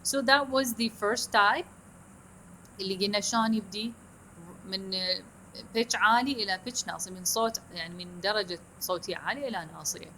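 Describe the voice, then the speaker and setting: Bright-voiced woman teaching English. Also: mid-range voice, a little hiss or hum, poor audio. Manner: switches between Arabic and English, reads English lines slowly and deliberately. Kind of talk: recorded lecture on intonation.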